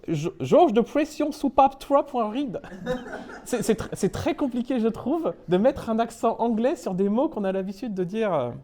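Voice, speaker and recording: Brief: man from France, young adult, meetup speaker, playful self-mocking humour, lively swoops in pitch. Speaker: conference speaker. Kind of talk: humorous tech talk to a live audience. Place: meetup talk room.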